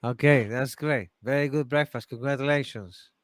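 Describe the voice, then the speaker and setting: A man with a Chilean accent teaching English on a video call, animated and encouraging, speaking slowly and clearly for learners. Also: mid-range voice, no room sound. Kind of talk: online English class.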